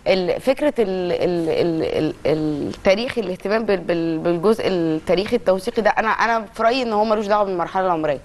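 A woman's voice: fairly low pitch, a little mellow. A young Egyptian woman hosting a morning TV show, chatting playfully and teasing her co-host and callers. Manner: playful, teasing, quick talking. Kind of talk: casual studio chat with callers. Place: bright TV studio set. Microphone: lapel mic.

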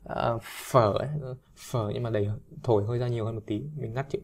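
A man's voice: medium pitch, fairly even intonation, a little fast. A man teaching pronunciation in a casual singing lesson, talking in a chatty, self-deprecating way. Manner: chatty, self-deprecating, breaks into sung demonstrations. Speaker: English teacher.

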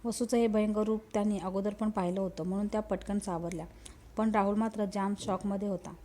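A woman narrating a horror romance story in a steady storytelling manner. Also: mid-range voice, brisk, slight background noise.

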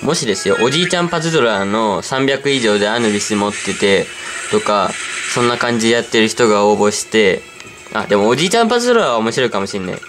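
Game commentary from a man whose voice is on the low side: he talks fast with lively intonation, easygoing and rambling as he mutters to himself mid-play. Clear background music plays under him.

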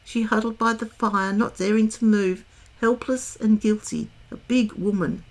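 A woman reading a children's novel aloud in a calm, measured way. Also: a little high. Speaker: storyteller.

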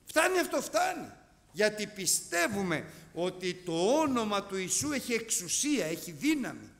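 A middle-aged man preaching with a high voice that swings widely in pitch. He tells vivid stories and acts them out with sound effects. The recording carries a long hall reverb. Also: creaky. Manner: animated, storytelling with sound effects. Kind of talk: sermon.

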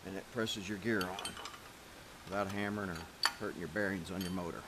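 A middle-aged home mechanic with a low, steady voice talks a little fast as he demonstrates an engine rebuild. He gives casual, practical how-to instructions in short bursts while working with his hands in a large metal-walled garage workshop. A camera mic a step or two away catches it all, along with workshop noise and clicking tools.

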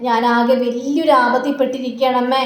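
A woman's voice: sits high, fairly even intonation, a little fast, lightly acted. Lady doing a panicky whiny grown son begging mom, echoey room. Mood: pleading. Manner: whining, pleading. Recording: roomy with faint background noise.

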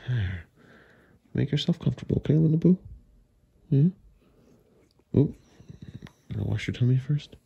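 A man filming his cat at home and talking to it in soft, doting baby talk, often dropping to a whisper, recorded on a handheld phone in a carpeted basement. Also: medium pitch, lively intonation, normal speed, vocal fry, long pauses, lo-fi sound, a little hiss or hum. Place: carpeted house basement, indoors. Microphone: handheld phone camera.

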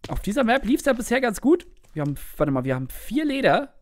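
A young adult gaming creator with a German accent, giving casual gameplay commentary, excitable and swearing while chatting to viewers. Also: mid-range voice, fast.

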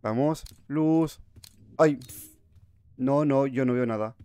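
A man's voice: mid-range voice, takes it slowly, dark tone, smooth. A man giving jumpy, chatty horror game commentary, talking to his viewers. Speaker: gamer streamer.

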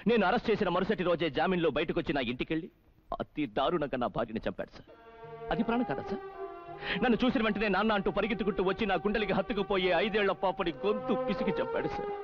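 A man's voice: sits high, dull audio. An actor playing a defiant male police officer in a dubbed film, speaking with impassioned righteousness.

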